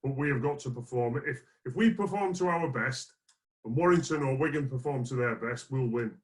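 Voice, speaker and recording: A man's voice: medium pitch, brisk, poor audio. A man speaking earnestly as a player in a casual sports discussion, repeating phrases for emphasis. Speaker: rugby league player guest.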